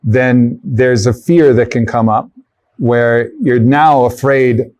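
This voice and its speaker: A man's voice: medium pitch, fairly even intonation, slow pace, a little mellow, recorded from a distance. Reflective male host, a bit off mic. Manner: reflective, agreeable, searching for words. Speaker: podcast host. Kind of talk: interview conversation.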